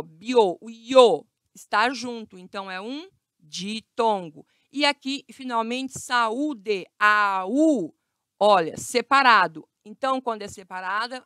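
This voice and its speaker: Slow, bright-voiced Brazilian teacher. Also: female voice, fairly high pitch, animated, dry recording. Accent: Brazilian Portuguese. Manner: slow, stretched words with frequent check-ins. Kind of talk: grammar lesson for children.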